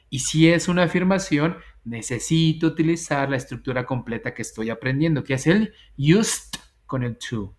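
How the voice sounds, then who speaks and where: Male English teacher, a touch high-voiced, deliberate drilling of example sentences. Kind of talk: grammar lesson explaining and drilling examples.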